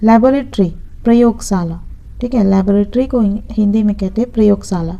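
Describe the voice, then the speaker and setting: A woman's voice: medium pitch, normal speed, gravelly, mellow, muffled recording. A woman teaching an exam-prep vocabulary lesson, patiently repeating words and spelling some out letter by letter.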